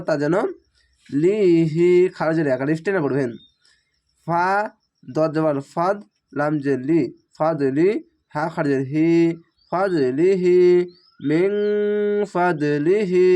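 A man teaching Quran reading, spelling each letter and vowel aloud, then chanting the whole word slowly. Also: a little high, darkish tone.

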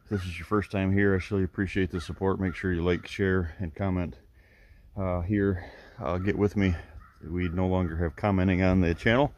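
A man's voice: low voice, fairly even intonation, brisk, darkish tone. A man hosting a vlog as a habitat consultant, walking and talking outdoors on a rural property in a loose, rambling way that often restarts sentences. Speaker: habitat consultant and channel host. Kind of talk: casual walk-and-talk vlog.

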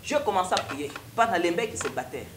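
A young man with a Congolese accent preaches his story in a TV studio, his voice rising and falling with lively energy. He moves between French and Lingala, and the room adds a roomy echo over a faint hiss. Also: high-pitched, fast. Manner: animated, switches freely between French and Lingala. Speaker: prophet guest. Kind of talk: preaching testimony in studio interview. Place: TV studio with stone wall backdrop.

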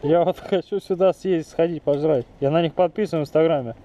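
A man's voice: fairly high pitch, a little fast. A man chatting casually with friends from inside a motorcycle helmet, slangy and swearing, his voice muffled. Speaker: motovlogger. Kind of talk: casual chat among friends. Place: outdoors on city streets, inside a motorcycle helmet. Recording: muffled helmet mic, loud motorcycle noise.

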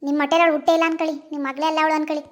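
A woman voicing an angry, bossy village woman who scolds and threatens indignantly in an animated village drama. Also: sits high, rapid-fire, lightly acted. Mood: scolding.

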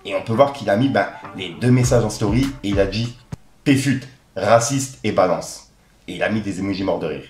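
A man's voice: lowish voice, fast, few pauses, a little mellow. A man with a French accent giving a casual, slangy rap news recap and talking straight to his viewers. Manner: chatty, slangy, addresses viewers as "l'équipe". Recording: echoey room with music underneath.

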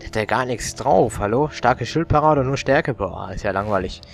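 Grumbling let's player. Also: male voice, medium pitch, expressive, moderate pace, gravelly, faint music behind. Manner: grumbling, casual, swears. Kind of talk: gaming commentary.

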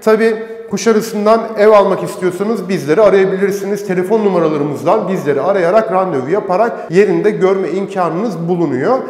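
A man's voice: high voice, a little fast, few pauses, a little mellow. A man presenting a property tour as an agent, walking through empty tiled rooms. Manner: walks and gestures while presenting. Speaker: real estate agent presenting a villa tour. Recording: echoey empty house interior.

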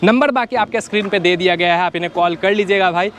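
A young man hosting a casual vlog at an outdoor used-truck lot, chatting briskly and repeating prices back to viewers. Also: high-pitched, a bit bright, slight background noise. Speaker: vlogger touring a used vehicle lot. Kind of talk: casual walk-around sales vlog.

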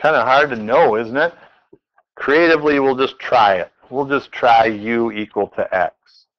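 A man's voice: mid-range voice, a little slow, muffled recording. A man teaching a math class in a classroom, working examples aloud and playfully quizzing his students as he goes. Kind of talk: classroom lecture.

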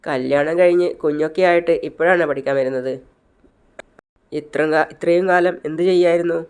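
A man's voice: a little high, fairly even intonation, moderate pace, clean tone, natural voice. A man voicing mocking young male college bullies who tease a newcomer. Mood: teasing. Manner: mocking, teasing.

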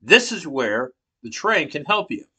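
In a small room, a man in his thirties argues a persuasive class speech into a laptop webcam from below, partly reading notes, asking rhetorical questions with emphatic hand gestures. His fairly high voice is very animated yet unhurried, with a sharp, slightly rough tone. Audio quality is poor.

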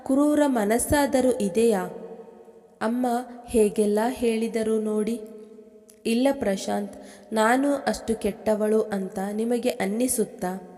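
Lady doing crying young wife, slow pleading, echoey. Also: fairly high pitch, warm tone.

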